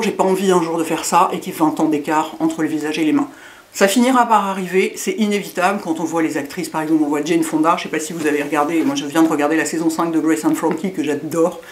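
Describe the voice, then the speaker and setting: A middle-aged woman with a lisp and slushy s sounds, chatting casually in a rambling, self-mocking way as a beauty vlogger. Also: lowish voice.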